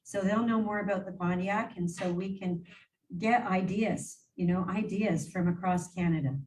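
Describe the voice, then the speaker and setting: Speaking at medium pitch and normal speed, this woman has a slightly mellow voice. She's a regional council warden and native English speaker reporting to mayors at a council meeting, chatty and rambling, full of fillers and restarts in an unscripted, casual style. The recording picks her up from a distance over faint room noise.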